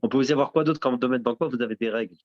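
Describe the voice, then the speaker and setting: A man's voice: medium pitch, very fast, no room sound. Man quizzing a class, lo-fi. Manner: quizzes the class, repeats and affirms answers; mixes in Arabic religious terms. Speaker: teacher. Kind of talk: interactive classroom lesson.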